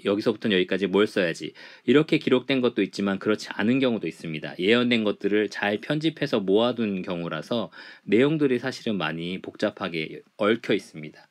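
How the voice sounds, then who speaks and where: A middle-aged man lecturing a church Bible class, explaining point by point with frequent fillers. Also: fairly low pitch. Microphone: writes on a board while teaching.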